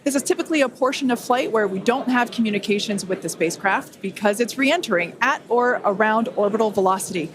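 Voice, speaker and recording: A woman hosting a live launch webcast, explaining the flight in a clear, upbeat way. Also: mid-range voice, noisy background.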